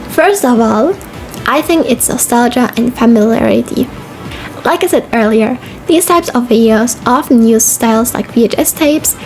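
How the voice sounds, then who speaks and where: Her voice is on the high side with a darkish tone as this young video essay host and streamer delivers casual, scripted narration. She keeps it informal over background music, sometimes stumbling over long words.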